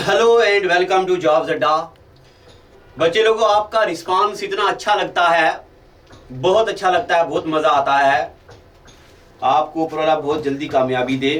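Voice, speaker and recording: Male tutor, high voice, drilling students with repeated questions, recorded from a distance. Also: measured pace, fairly bright tone, reverberant. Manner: addresses students as children, asks and repeats answers. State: fasting, low energy. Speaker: teacher. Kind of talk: online exam-prep lecture.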